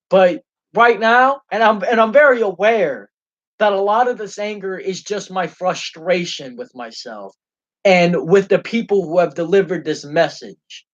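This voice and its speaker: Heated and profane, a young man rants passionately and unscripted on the livestream he hosts. His voice sits high and is a bit bright. The audio sounds dull and lo-fi.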